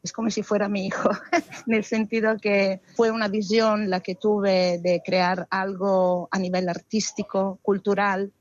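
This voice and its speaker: A woman's voice: mid-range voice, measured pace, no room sound. Woman, dry and muffled. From Italy. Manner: expressive, with frequent hesitations. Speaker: guest, arts festival founder. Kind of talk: interview answers.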